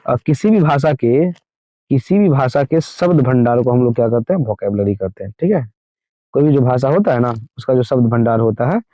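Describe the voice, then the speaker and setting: A man's voice: medium pitch, no room sound, muffled recording. Man teaching grammar by quizzing himself. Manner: asks the class questions and answers them himself, slows down to read English definitions. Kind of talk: classroom-style grammar lesson.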